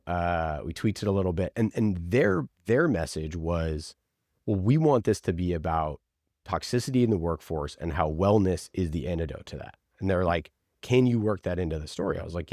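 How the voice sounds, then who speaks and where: A podcast producer, interviewed here, tells stories casually and with gusto, peppering them with "like." His voice sits low with a darkish tone, and the studio-quality recording has no echo.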